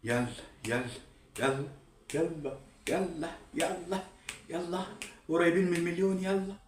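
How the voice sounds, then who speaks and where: A man's voice: a little high, fairly even intonation, normal speed, a little hiss or hum, close to an everyday voice. A man playing a desperate Egyptian gambler. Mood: urging. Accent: Egyptian Arabic. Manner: pleading, then frantic. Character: desperate male gambler selling his house. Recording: roomy, distant mic.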